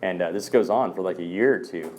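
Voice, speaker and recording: A man with a low voice shares stories at a meeting in an easygoing, rambling way. He drops in fillers and calls the listeners "man". A faint background noise sits under his voice. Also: quick pace, darkish tone. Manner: loose storyteller, fillers like "man" and "um". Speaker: speaker sharing at a recovery meeting. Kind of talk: casual personal talk.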